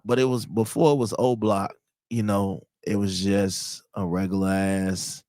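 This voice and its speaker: With a fairly low, slightly mellow voice, this Chicago-born podcast host in his thirties tells personal stories casually and with slang, acting out the quotes. The studio-quality recording has no echo.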